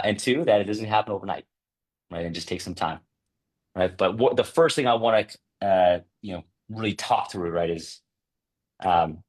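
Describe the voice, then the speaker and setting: A chatty man in his thirties leading a workshop, his voice sitting a little low. He talks loosely and keeps checking in with the audience, and his pitch jumps up when he acts out old conversations. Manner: chatty, peppered with "right?" and "like"; acts out past dialogue with lively jumps in pitch. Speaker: workshop presenter. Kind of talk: casual workshop talk.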